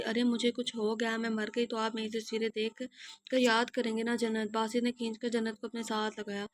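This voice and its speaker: A hoarse woman reading a romance novel aloud and voicing all its characters, often clearing her throat and restarting words. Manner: narrow pitch range, stumbles and restarts words. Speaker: audio novel narrator.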